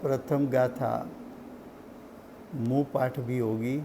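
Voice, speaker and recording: A man giving a slow, deliberate religious study lecture, repeating key points for his listeners. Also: medium pitch, steady tone, noisy background. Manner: slow, deliberate teaching with repetition. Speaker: scripture teacher.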